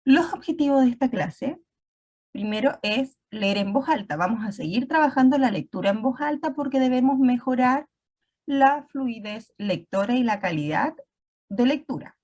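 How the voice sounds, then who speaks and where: A woman's voice: on the high side, animated, normal speed, a little mellow. A woman teacher giving an online class, explaining step by step and often checking in with her students.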